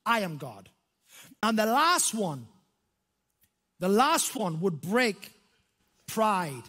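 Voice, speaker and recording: An Irish pastor in his fifties preaches on a church stage, his voice pitched high and ringing with a long hall reverb. He talks animatedly and slows right down to stress key words. A headset mic sits close to his mouth. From Ireland. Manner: animated and gesturing, dramatic slow emphasis on key words. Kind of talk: sermon.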